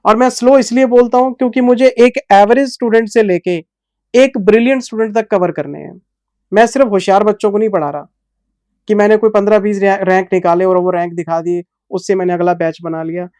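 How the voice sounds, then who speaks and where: Slow, patient male teacher, smooth voice. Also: high-pitched, fairly even intonation, darkish tone, dry recording, clean studio sound. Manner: deliberately slow, patient delivery; fatherly, calls students "son". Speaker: accounting teacher. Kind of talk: explaining course details to students.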